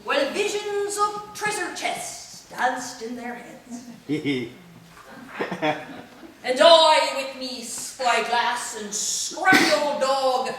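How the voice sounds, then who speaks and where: Woman putting on a rowdy old pirate storyteller, bright high voice, slow drawl, growling arrs, chuckling, booming echoey hall, mic far off. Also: background noise, exaggerated voice. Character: jolly old male pirate sea dog. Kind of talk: live theatrical reading in character. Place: theatre party hall.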